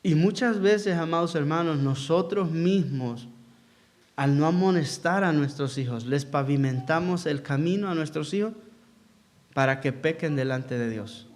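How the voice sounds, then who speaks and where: A man's voice: on the high side, unhurried. A man preaching as pastor in a church hall, asking the congregation questions and acting out quotes in a sermon.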